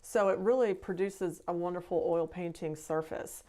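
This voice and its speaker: A middle-aged woman painter hosts a casual live stream, chatting and rambling through a painting demo with laughs and fillers. Her voice sits fairly low, with a warm tone and a normal speaking speed.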